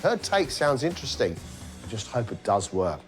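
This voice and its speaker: A British-accented cooking competition judge gives voice-over commentary on the dishes, measured yet emphatic and very animated. His voice sits in the mid range, with faint music behind him.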